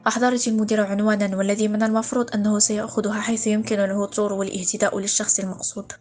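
A woman narrating a read-aloud story in a steady, literary manner. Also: medium pitch, rapid-fire, soft background music.

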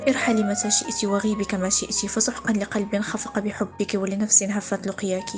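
A man's voice: high voice, little pitch movement, quick pace, music in the background, close to an everyday voice. A woman voicing a bitter, heartbroken young man in a read-aloud story, speaking in an impassioned poetic lament. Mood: bitter, grieving.

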